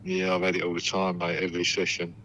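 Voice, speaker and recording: A man speaks on a loudspeaker phone line with a very deep but forceful voice. He is blunt and swears heavily. Faint rumble sits underneath. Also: monotone, fast talker. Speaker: caller. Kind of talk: casual phone chat.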